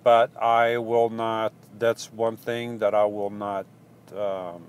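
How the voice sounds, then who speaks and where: A man with a Portuguese accent and a smooth, level voice on the low side answers viewer questions in a relaxed live Q&A. The van-life vlogger rambles and hesitates, restarting often and saying um a lot.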